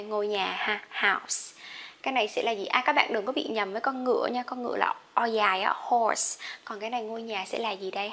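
Bright-voiced woman teaching English pronunciation. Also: a little high. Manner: chatty, encouraging, repeats words slowly for learners. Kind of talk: casual online pronunciation lesson.

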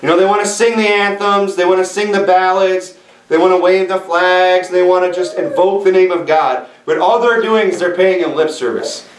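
A middle-aged man preaching a sermon, reading scripture slowly and emphatically in a small church room. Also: high-pitched, fairly even intonation. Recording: echoey room from far off.

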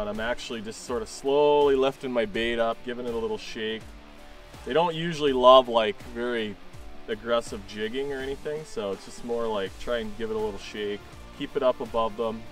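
Laid-back male angler, thirties, talking through his fishing on a lake, clip mic, faint music underneath. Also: medium pitch. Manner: relaxed, chatty, lots of fillers and restarts. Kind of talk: casual fishing commentary. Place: small boat on a lake, outdoors.

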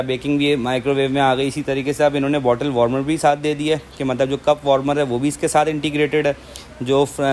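A man's voice: a little high, a little mellow, slight background noise. A man in his thirties from Pakistan presenting an appliance in a chatty sales manner, mixing in English phrases, recorded in a large indoor showroom. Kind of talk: product demonstration.

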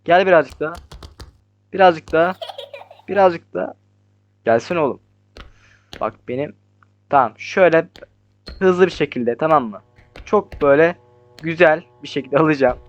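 A young man commentating his horror game playthrough, talking nervously to the monster and swinging between hushed mutters and startled yells. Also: fairly high pitch, normal speed, long pauses, highs cut off, faint music behind. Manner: jumpy, talks to the monster, swings from hushed to yelling. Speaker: gaming YouTuber.

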